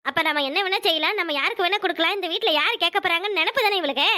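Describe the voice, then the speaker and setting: A woman's voice: extremely high pitch, racing, sharp tone. A woman voicing a sarcastic scolding cartoon housewife. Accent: Kanyakumari Tamil. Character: sharp-tongued, indignant young housewife. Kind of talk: Tamil cartoon voice acting.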